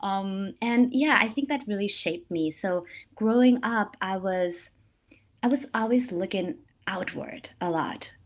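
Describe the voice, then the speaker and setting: A woman's voice: medium pitch, measured pace. Woman, 30s, from Austria, conversational co-host, playful storyteller. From Vienna, Austria. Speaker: podcast co-host, life coach. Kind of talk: casual podcast chat.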